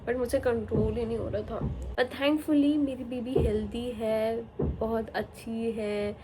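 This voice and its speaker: Young female vlogger, candid and emotional, slightly high voice, light background noise. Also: fairly even intonation, unhurried, warm tone, poor audio. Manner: emotional, candid, mixes English into her talk. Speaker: vlogger, new mother. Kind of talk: casual vlog talk to camera.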